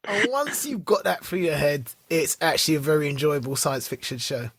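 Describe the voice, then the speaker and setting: Crowd noise surrounds a male podcast co-host who chats casually about TV shows, laughing often and trailing off in the middle of sentences. He sounds very animated, speaking at normal speed with a voice on the high side.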